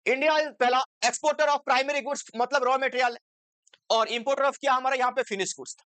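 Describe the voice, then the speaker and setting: A woman teaches a commerce lesson in a conversational, exam-focused way, constantly quizzing her students with rhetorical questions. Her voice sits fairly high. The recording is dry, with no room sound. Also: steady tone, moderate pace, fairly bright tone, no echo. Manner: conversational, asks students rhetorical questions, mixes English terms into Hindi.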